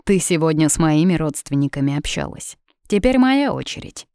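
A composed young man answers in slow, measured, serious tones, read by a woman narrator. The voice sits low and the sound is dry and close. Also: sing-song, a little mellow, dry recording. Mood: calm.

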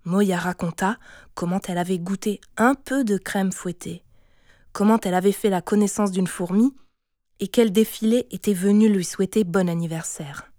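A woman narrating a children's audiobook in a gentle, expressive reading voice. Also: mid-range voice, normal speed, dry recording, clean studio sound. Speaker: storyteller.

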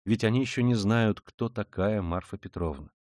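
Calm, firm young woman, quiet and soothing; male narrator plays her, dry read. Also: fairly low pitch, moderate pace, no room sound, lightly acted. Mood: gentle.

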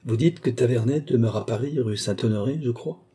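A man's voice: medium pitch, brisk, mellow, slightly rough. A man reading the part of a scheming old male marshal at court, with silky, ironic courtesy.

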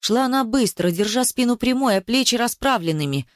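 A woman reading a first-person audiobook in a steady, expressive storytelling manner. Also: a little high, fairly quick, dry recording, studio quality. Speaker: audiobook reader.

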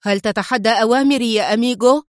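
A woman voicing a menacing male crime boss who speaks in a cold, stern, deliberate way. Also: medium pitch, lively intonation, no echo, clean studio sound, natural voice. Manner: stern, slow and icy.

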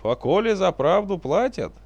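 A man's voice: high-pitched, big pitch swings, moderate pace, darkish tone, dry recording, dull audio, voice pushed up. A man reading a story aloud and voicing a sly, cheerful young male joker who teases his friend. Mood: jaunty. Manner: jaunty, teasing.

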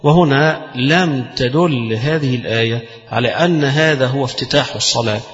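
A man with an Egyptian accent giving a religious lesson, explaining texts in plain speech and reciting quoted rulings slowly. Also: mid-range voice, a bit bright. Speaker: Islamic scholar teaching fiqh. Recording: roomy, long reverb, dull lo-fi sound.

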